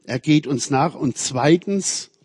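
A man preaching a sermon, moving between loud emphatic passages and very soft, quiet phrases. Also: fairly high pitch, slow, slightly rough, no echo, clean studio sound. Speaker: preacher, member of a religious community.

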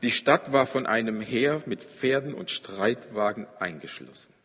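A man preaching a sermon, telling a story dramatically and moving between loud, emphatic passages and hushed ones. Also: fairly low pitch, animated, a little slow, husky, long reverb tail. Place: church.

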